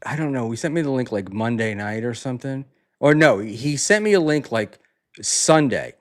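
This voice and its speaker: A man hosting a relaxed chat show, talking in a loose, halting way. His voice sits at an ordinary middle pitch. He trails off, restarts his sentences and leans on fillers as he goes. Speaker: podcast host. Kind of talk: casual chat.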